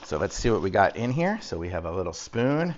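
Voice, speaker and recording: A man's voice: low voice, big pitch swings, fairly quick. A man from Texas talking in an easygoing, folksy, rambling way through a casual unboxing review. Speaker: product reviewer. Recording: muffled audio with faint background noise.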